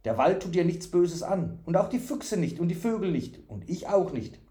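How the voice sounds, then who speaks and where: A man's voice: high-pitched, sing-song, normal speed, warm tone, echoey room, voice pushed up. A man voicing a simple-minded, childlike male fool from the forest, eager and full of repeated questions. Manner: eager, questioning, singsong repetitions.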